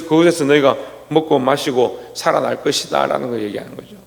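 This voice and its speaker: A man's voice: fairly high pitch, creaky, long reverb tail. A man, a pastor, giving an early-morning sermon, reading scripture aloud and acting out the complaints of churchgoers. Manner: preaching, reads scripture, acts out quoted complaints.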